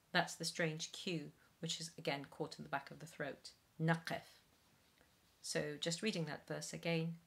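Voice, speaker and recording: Middle-aged woman, singing teacher, lowish voice, careful and slow over a webcam. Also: vocal fry, a bit bright. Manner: slow careful enunciation with spoken explanations. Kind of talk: pronunciation lesson read from sheets. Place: small room at home, indoors.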